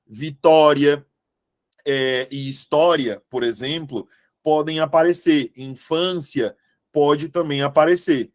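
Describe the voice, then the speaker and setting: A Brazilian man with a slightly high voice gives an online exam-prep grammar lesson. He takes his time and checks in with the class often. He fondly calls the students "meus amores.". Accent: Brazilian Portuguese. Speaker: Portuguese grammar teacher.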